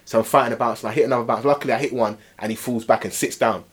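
A man with an urban London roadman accent and slang, telling anecdotes in animated, boastful group banter. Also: mid-range voice, racing. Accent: London, urban street style (roadman).

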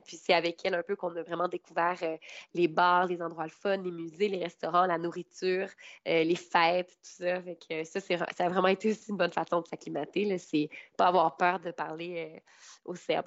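A woman's voice: lowish voice, no room sound. A young woman from Canada with a Québécois French accent, answering interview questions casually, hesitating with many fillers and laughing often. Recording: dull lo-fi recording.

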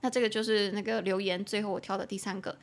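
A woman with a Taiwanese Mandarin accent hosting an English-learning podcast, reading English lines slowly and then explaining them in casual Mandarin. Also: medium pitch, little pitch movement. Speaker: podcast host teaching English.

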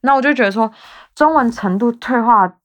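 A twenty-something woman with a Taiwanese Mandarin accent hosts her podcast in a slightly high voice at normal speed. Her casual chat rambles and is full of self-mockery.

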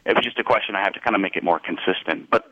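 A radio show caller, a man whose voice comes through bright and forceful. He talks in a friendly, halting way and pauses often. The sound is dull and lo-fi, like a phone line. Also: fairly low pitch. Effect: calling in over a phone line.

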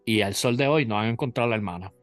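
A man co-hosting a podcast, telling a legend in a relaxed, measured way. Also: lowish voice, dry recording, soft background music. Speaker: podcast co-host. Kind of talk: casual storytelling chat.

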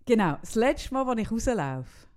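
Brief: young Swiss woman, podcast host, animated casual storyteller. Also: fairly high pitch, normal speed. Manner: animated, quotes others in lively back-and-forth.

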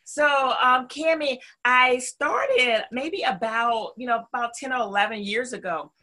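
A woman's voice: a little high, animated, measured pace, bright, forceful tone. A middle-aged woman with a Southern US accent, telling her story conversationally as an interview guest, emphatic and full of folksy asides. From North Carolina, southern United States.

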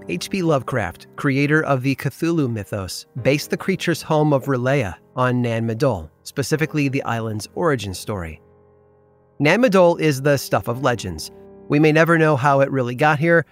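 A man reading scripted storytelling narration. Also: medium pitch. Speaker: podcast narrator.

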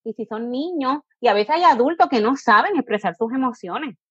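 A woman's voice: fairly high pitch, animated, moderate pace, husky, no echo, highs cut off. A woman, an educator and coach, answering interview questions and explaining patiently, now and then acting out what a parent or a child says. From Puerto Rico. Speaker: positive discipline educator and coach.

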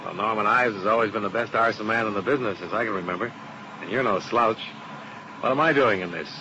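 A man's voice: fairly low pitch, fast talker, background noise, lightly acted. Johnny Dollar, a man playing the dry investigator. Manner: dry, laconic, matter-of-fact. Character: wisecracking male insurance investigator, dry and unflappable. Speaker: lead detective and narrator. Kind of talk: 1950s radio drama acting. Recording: muffled old radio broadcast with music.

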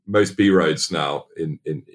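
A middle-aged man from England in casual podcast chat, talking haltingly with many restarts and fillers. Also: extremely low pitch.

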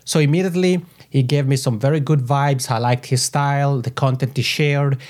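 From his home office, using a podcasting mic, a man in his thirties from Italian-speaking Switzerland gives conversational interview answers as a podcast guest with enthusiasm and at length. His Swiss Italian-accented voice is medium in pitch, steady and darkish in tone, at normal speed.

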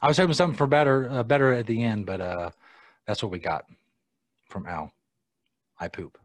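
Casual live-show chat from a podcast host, an American man from the United States, who swears freely, stays sardonic and mutters asides. His pitch is medium and his pace fairly quick, with no room sound in the recording.

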